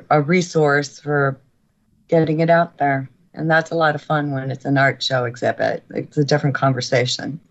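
An older woman speaking as a guest in a radio interview, earnest and grateful, with halting restarts, her voice sounding as if taped off the radio. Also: sits low, muffled recording. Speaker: guest author.

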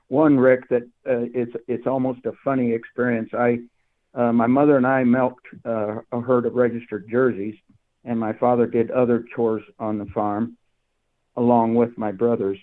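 An older man telling a reflective anecdote as an interview guest, with halting, measured phrasing. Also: mid-range voice, little pitch movement. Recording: narrow muffled phone-like radio line.

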